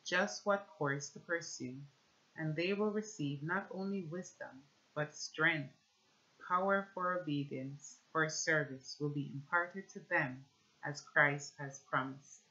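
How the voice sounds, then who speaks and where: A Jamaican-accented woman in her thirties gives an earnest, measured religious testimony to camera, reading scripture, in a small room at home with shelves. Her low voice sounds pushed and bright, with the highs cut off.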